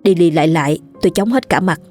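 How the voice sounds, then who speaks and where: A woman voicing a sharp-tongued, domineering older wife who scolds and nags. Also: on the low side, fast, soft background music, close to an everyday voice. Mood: nagging. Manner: scolding, nagging.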